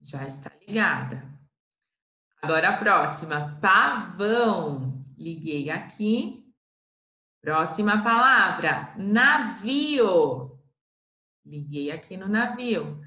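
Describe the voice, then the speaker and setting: A woman with a Brazilian Portuguese accent teaching a slow, patient literacy lesson to first graders, stretching out syllables. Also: medium pitch, expressive, bright, forceful tone, reverberant.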